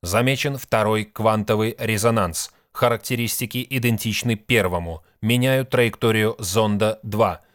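A man reading an audiobook, voicing a ship's computer with a flat, mechanical, measured delivery. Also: lowish voice, no room sound, studio quality, natural voice. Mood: monotone report.

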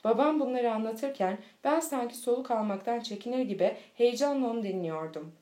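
A woman reading a children's storybook aloud in a steady, clear manner. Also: on the high side, a little fast. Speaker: audiobook reader. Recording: echoey room.

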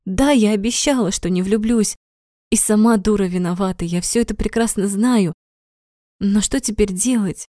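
A woman's voice: mid-range voice, moderate pace, mellow, no room sound, clean studio sound, lightly acted. Woman reading as emotional outspoken young woman Zhenya. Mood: angry. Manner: outspoken, swears when upset.

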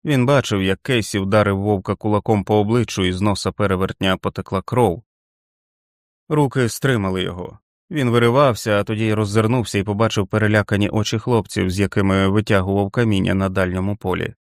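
A man narrating an audiobook in a steady, dramatic reading. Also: on the low side, brisk, dry recording, clean studio sound.

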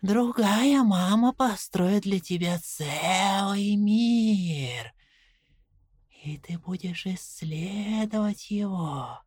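A woman voicing a dead, whispering old man made of rats, slow and coaxing in an audiobook. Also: medium pitch, animated, darkish tone, no echo, clean studio sound, exaggerated voice. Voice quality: breathy whisper. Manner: slow, wheedling, tempting. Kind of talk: audiobook character voice.

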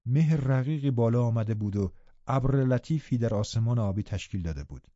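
Man narrating in a calm, dark voice. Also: medium pitch, dry recording, lo-fi sound. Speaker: audiobook narrator. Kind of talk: scripted narration.

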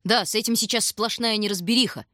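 A woman's voice: mid-range voice, fairly even intonation, fast, sharp tone, no echo, studio quality, pitched above the performer's own voice, natural voice. A brusque, grumbling tram conductor, read by a woman. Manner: brusque, ordering people about. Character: stout gruff grumbling female tram conductor.

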